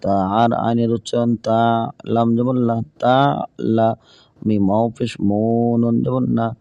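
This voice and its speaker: A man's voice: medium pitch, flat delivery, mellow, no room sound, muffled recording. A man teaching Quran reading, spelling out each word letter by letter for learners and then reciting the verse. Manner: slow, patient letter-by-letter drilling, then melodic recitation.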